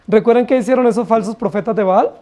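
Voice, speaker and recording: A man's voice: sits high, fast talker, dark tone. A man with a Colombian Spanish accent, preaching a Bible study sermon in a church, often asking the congregation rhetorical questions and acting out quoted excuses. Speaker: pastor.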